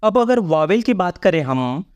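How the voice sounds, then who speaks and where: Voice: medium pitch, sing-song, normal speed, a little mellow, clean tone. A teacher explaining English spelling rules in Hindi, spelling words out letter by letter and asking the viewer to repeat them. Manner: repeats each word, quizzing the viewer.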